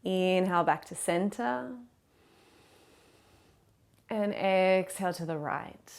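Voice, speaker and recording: A woman with a slightly low voice talks a class through a yoga practice. Her cues are gentle and encouraging, and she paces them around the breath without hurrying. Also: creaky. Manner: gentle, encouraging, unhurried cueing of breath and movement. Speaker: yoga teacher. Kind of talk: guided yoga class instruction.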